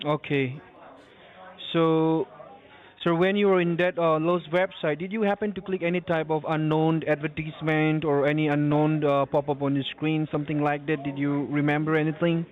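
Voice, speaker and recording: A man working as a call center tech support agent, speaking politely and haltingly in a scripted customer service manner. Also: on the high side, level tone. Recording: tinny narrowband phone line.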